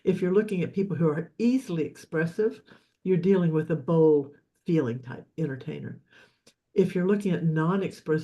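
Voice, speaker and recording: A man's voice: on the high side, mellow. A man teaching a live session on leadership and communication, explaining in a loose, repetitive way with frequent restarts. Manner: explanatory, repeats words and restarts often. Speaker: leadership coach.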